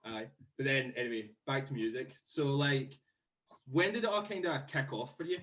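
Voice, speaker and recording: A young Scottish man at a mid pitch hosts a relaxed radio chat. He puts his questions loosely and informally, with fillers and restarts. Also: normal speed, rough recording. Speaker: radio show host. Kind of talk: casual interview chat.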